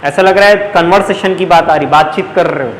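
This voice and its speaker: A high-pitched young man with a Chhattisgarhi Hindi accent teaches a live coaching class, running through sentence patterns one after another. He talks to his students in a chatty, coaxing way. The sound is roomy, with a long echo and a faint hiss behind him. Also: quick pace, a bit bright. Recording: echoey classroom, faint background noise.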